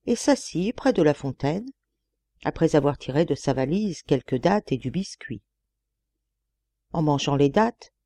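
A woman narrating a classic tale in a measured, expressive audiobook reading on a close mic. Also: low-pitched, dry recording.

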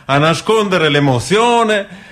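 An actor with a northern Italian accent playing an emotional early-twentieth-century socialist orator, halting and rhetorical, slipping into dialect. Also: male voice, sits high, lively intonation, fairly bright tone, a little hiss or hum, exaggerated voice. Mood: solemn, stirred. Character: earnest, emotional early-1900s socialist orator addressing townsfolk. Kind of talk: radio theatre speech.

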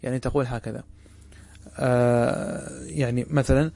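A man teaching a class as a religious instructor. He keeps putting quick questions to his listeners and then answers them himself. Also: medium pitch, steady tone, vocal fry, dark tone. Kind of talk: classroom lecture.

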